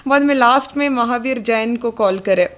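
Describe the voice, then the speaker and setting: Young woman interviewee, slightly high voice, halting delivery with many fillers. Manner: halting, many fillers, mixes English words. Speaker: interviewee, daughter of the deceased. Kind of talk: recounting events in an interview.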